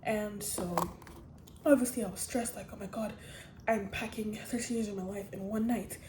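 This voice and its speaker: A woman's voice: mid-range voice, fairly even intonation, normal speed, roomy sound, noisy background. A teenage girl chatting casually to the camera, telling a rambling personal story with many restarts. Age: teens. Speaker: vlogger. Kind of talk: casual chat.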